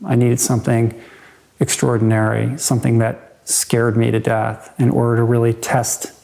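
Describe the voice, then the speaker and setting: A man telling the story of his endurance challenge in an animated, storytelling documentary interview. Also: medium pitch, moderate pace, creaky. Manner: animated storyteller, acts out doubters' voices.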